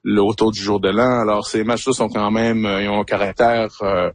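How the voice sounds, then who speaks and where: A man's voice: lowish voice, flat delivery, moderate pace, no room sound. A man in his fifties with a Québécois accent, talking casually as a radio guest, hesitant with many fillers and repeated words. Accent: Québécois French. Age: 50s. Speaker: guest, hockey fan.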